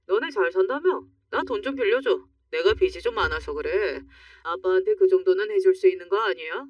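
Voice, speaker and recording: A woman's voice: medium pitch, expressive, fairly quick, no echo, natural voice. A woman voicing a callous middle-aged father who sneers and pushes for money, read in storytelling narration. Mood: sneering. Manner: sneering, pushy. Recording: dry, muffled, slightly distant.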